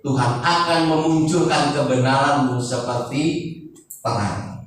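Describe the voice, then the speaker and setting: A man's voice: mid-range voice, a little slow, slight background noise. An older man preaching a sermon in a conversational way, asking the congregation rhetorical questions. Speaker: pastor. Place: church service. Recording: echoey church hall, distant mic.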